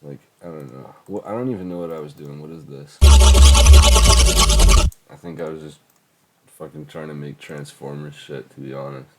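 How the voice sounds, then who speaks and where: This very noisy recording has a congested late-teen guy reviewing his old music in casual screen-recording commentary. His very deep voice keeps a fairly even intonation at a moderate pace with frequent pauses, and he rambles with fillers and curses, audibly suffering from a heavy cold.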